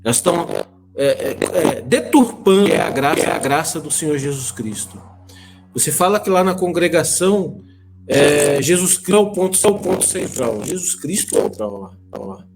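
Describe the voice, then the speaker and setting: A man, calling into a live stream and giving a halting, repetitive, earnest testimony. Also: a little high, expressive, vocal fry. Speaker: caller from a congregation.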